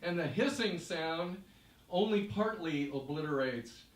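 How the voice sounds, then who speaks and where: Man, live storyteller, emphatic, slightly high voice, roomy echo, mic at a distance. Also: animated, a little slow. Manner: vivid, emphatic second-person narration.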